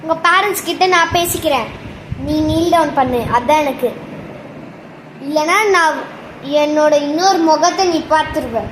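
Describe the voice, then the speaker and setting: A woman's voice: sits high, moderate pace, pauses often, close to an everyday voice. A woman playing a strict tuition teacher who scolds and gives orders. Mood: stern. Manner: scolding, commanding. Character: strict female tuition teacher, stern and bossy. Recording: echoey room, faint background noise.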